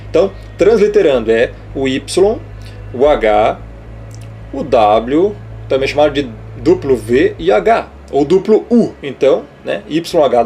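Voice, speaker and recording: A man's voice: medium pitch, warm tone, a little hiss or hum. A man explaining letters on a board as a religious teacher, emphatic and scolding, checking in often with short questions. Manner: emphatic, scolding, repeats points with "tá?" and "ok?". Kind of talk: didactic explanation over a board.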